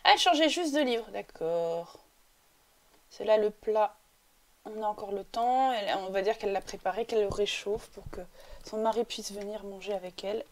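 Speaking at normal speed with a medium-pitched voice, this let's-play commentator keeps up a chatty running talk, coaxing the game characters directly. She sniffles occasionally.

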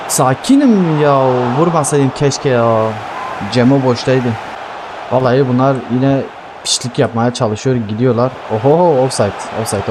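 A man commentating his own football video game match, excitable and swearing at teammates. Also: mid-range voice, background noise. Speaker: gaming YouTuber playing football career mode. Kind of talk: live gameplay commentary.

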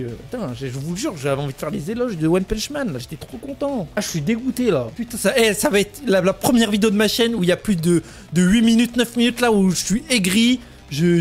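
Fast-talking high-voiced young man ranting. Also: darkish tone. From France. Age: 20s. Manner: indignant, exasperated ranting with heavy slang and swearing. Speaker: anime YouTuber. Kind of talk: ranting video review.

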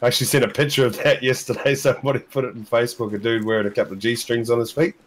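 A man's voice: medium pitch, level tone, very fast. A man from New Zealand with a New Zealand accent, chatting casually and joking on a hunting game stream. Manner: joking, laughs often. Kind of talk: casual gaming chat.

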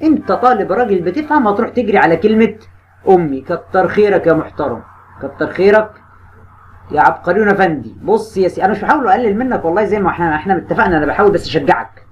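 Egyptian teacher drawing out key words. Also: male voice, sits high, animated, dull audio, slight background noise. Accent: Egyptian Arabic. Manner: stretches out key words slowly and addresses students directly and teasingly. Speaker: high school Arabic teacher. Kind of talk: online grammar lesson.

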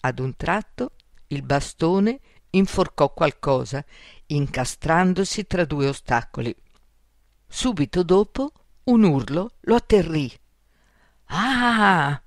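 Woman narrator for a kids' fairy tale audiobook; slow, careful, dry studio. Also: deep voice, expressive, darkish tone, no room sound.

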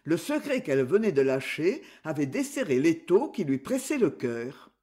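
A man narrating a French literary audiobook in an expressive, measured storytelling manner. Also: fairly high pitch.

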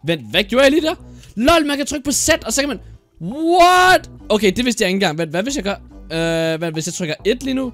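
High-voiced excitable young-sounding man. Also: soft background music. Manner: chatty and excitable, trails off with many fillers. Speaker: YouTuber. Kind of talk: casual Minecraft gameplay commentary.

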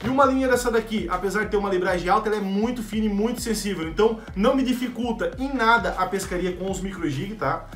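A man's voice: high-pitched, fast, few pauses, a bit bright. A young man hosting a fishing shop channel, chatting casually to camera about his gear and often checking in with viewers. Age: young adult. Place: indoor studio in front of a rod rack. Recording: echoey room with faint music.

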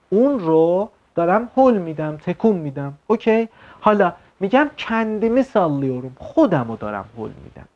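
A man teaching an online language lesson, explaining words slowly and checking in with quick questions. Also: a little high, darkish tone. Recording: slightly dull lo-fi sound.

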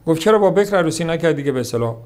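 A man giving a religious lesson on hadith, reciting Arabic quotations slowly, then explaining them in a conversational lecturing way. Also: a little high, animated, darkish tone, slight background noise. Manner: conversational lecturing, repeats points. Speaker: religious teacher. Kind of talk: sermon on hadith.

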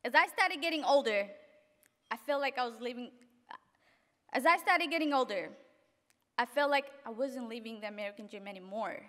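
A young woman from Africa reading a graduation speech at a podium in an event hall, earnest and halting at times. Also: a little high, bright, forceful tone. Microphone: podium microphone. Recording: reverberant hall.

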